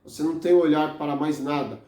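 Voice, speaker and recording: Man, therapist explaining, slightly high voice, mellow tone, echoey room. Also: fairly even intonation, fast talker. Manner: casual explanatory, many fillers and tag questions. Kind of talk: educational talk to camera.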